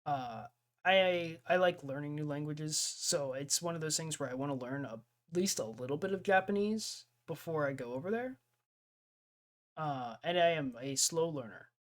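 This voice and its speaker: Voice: medium pitch, expressive, normal speed. Rambling young streamer, laughing often. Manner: rambling, jumps between topics, laughs often. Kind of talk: casual chat with live viewers.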